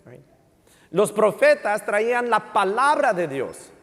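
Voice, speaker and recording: A pastor preaches emphatically in a large indoor church hall, teaching, repeating key phrases, switching between Spanish and English, and posing rhetorical questions to the congregation. His voice sits high and fairly bright, with big pitch swings and a slow pace, and the hall sound is reverberant.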